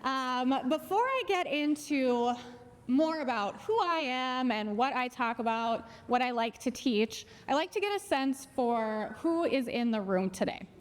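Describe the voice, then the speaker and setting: A woman's voice: sits high, animated, measured pace. A woman with a Minnesota accent giving a live talk on finances to a conference audience and polling the crowd. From Minnesota, USA. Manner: friendly, asks the crowd questions. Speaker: financial educator and speaker. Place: conference hall. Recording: long reverb of a large hall.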